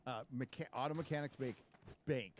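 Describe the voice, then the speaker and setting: A man's voice: medium pitch, fairly quick, slight background noise. A man hosting a casual chat, joking around and reading viewer messages aloud. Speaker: podcast host reading chat. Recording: music playing behind.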